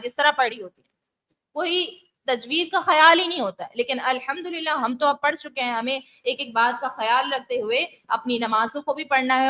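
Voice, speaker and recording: A woman teaching Quran recitation in an Urdu lesson, explaining mistakes and reciting Arabic phrases slowly and drawn out. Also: high voice, sharp tone.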